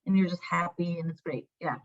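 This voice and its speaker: A woman's voice: lowish voice, brisk. A young woman in her twenties, a panelist talking in a chatty, casual way with lots of "like". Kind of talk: casual chat. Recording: dull lo-fi audio.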